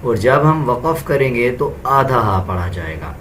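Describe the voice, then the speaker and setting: Male teacher, mid-pitched voice, slow, patient walkthrough of pronunciation rules, faint room noise. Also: very animated, a bit bright, poor audio. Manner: patient, deliberate, repeats rules. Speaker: tajweed teacher. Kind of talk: slow step-by-step explanation.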